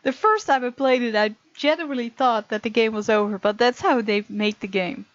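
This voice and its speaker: A woman with a fairly high voice speaks briskly as she hosts a playthrough, voicing the visual novel's narration and offering her own commentary. There's no room sound, though the audio is dull and game music runs behind her.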